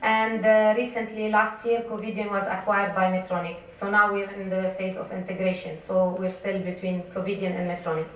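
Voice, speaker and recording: A woman's voice: medium pitch, level tone, fairly quick, few pauses, a little hiss or hum. A middle-aged woman from Lebanon speaking on a conference panel, hesitant and full of fillers, recorded in a hall. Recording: echoey hall, distant mic.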